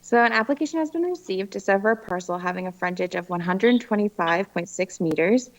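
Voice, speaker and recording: A woman, speaking haltingly through a face mask that muffles her words as she presents a formal staff report at a committee meeting. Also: mid-range voice, animated. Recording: dull muffled meeting audio.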